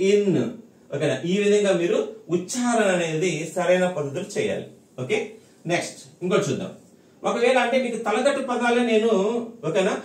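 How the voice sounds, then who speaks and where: A male language teacher giving a recorded lesson, explaining patiently and repeating points, often checking that his students follow. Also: sits high. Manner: patient, repetitive explaining with frequent check-ins. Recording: echoey room, mic at a distance.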